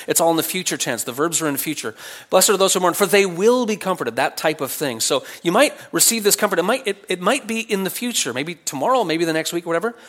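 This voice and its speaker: A man with a voice on the high side teaches scripture in an expository style, reading verses and explaining them conversationally. He asks questions and answers them himself, moving between emphatic phrases and quieter asides.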